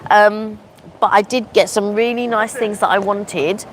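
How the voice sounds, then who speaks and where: A woman's voice: mid-range voice, steady tone, a little slow. A woman chats on a live stream while she eats. Her throat is a little sore and she rambles from topic to topic. Faint traffic hums in the background. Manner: chatty, rambling, eating while talking. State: sore throat, coming down with a cold. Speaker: livestream vlogger. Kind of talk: casual live chat with viewers. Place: outdoor seating at a shopping outlet. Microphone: phone livestream.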